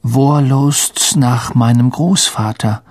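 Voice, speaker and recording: A man's voice: mid-range voice, fairly even intonation, slow, dry recording, clean studio sound. A man voicing a polite, earnest sixteen-year-old schoolboy who sounds respectful, in an audiobook reading. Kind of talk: audiobook character voice.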